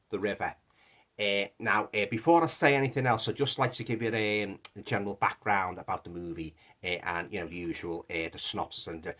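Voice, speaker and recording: Reviewing a film in a casual vlog, this Liverpudlian man has a lowish, fairly bright voice roughened by a lingering cough. He rambles, dropping in plenty of fillers and starting over often.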